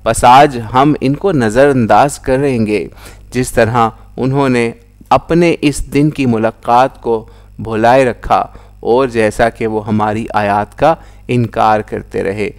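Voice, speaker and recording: A man reading a Quran translation aloud recites in a solemn, measured way, his mid-range voice steady in tone. At the quoted cries, he lifts into raised declamation.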